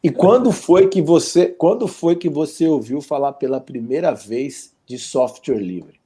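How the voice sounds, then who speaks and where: A man's voice: fairly high pitch, unhurried, warm tone, slightly rough. A man with a Brazilian Portuguese accent hosting a live online interview, chatty and jokey. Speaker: interview host.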